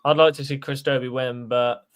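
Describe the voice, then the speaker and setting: A man's voice: mid-range voice, level tone, moderate pace. A man chatting casually as a guest on a darts watchalong. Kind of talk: casual chat.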